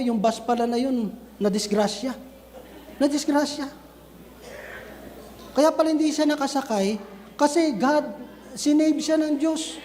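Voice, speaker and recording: A man preaching a sermon to a church group, talking to the brethren and acting out scenes in an animated way. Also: very high voice, big-room sound. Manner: switches between Filipino and English, addresses listeners as brethren; animated, acts out scenes with raised voice. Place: church cell group gathering.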